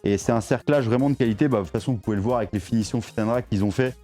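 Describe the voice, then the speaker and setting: A man's voice: medium pitch, rapid-fire, dark tone, faint music behind. A young man, chatting casually through a tour of his home garage gym, full of fillers and restarts. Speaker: CrossFit athlete showing his home gym.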